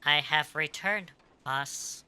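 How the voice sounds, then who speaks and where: A woman voicing an odd young female guide in a flat, mechanical-sounding voice, talking about herself in the third person. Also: deep voice, slow, clear, resonant tone, full character voice. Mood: flat, insistent. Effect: mechanical-sounding voice, not a full robot. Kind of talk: voicing characters while playing a story game.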